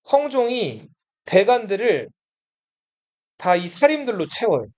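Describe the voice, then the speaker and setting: Male history teacher, high and animated. Lectures casually and bluntly, and quizzes the class before answering himself. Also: unhurried, muffled recording. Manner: asks the class questions and answers them himself.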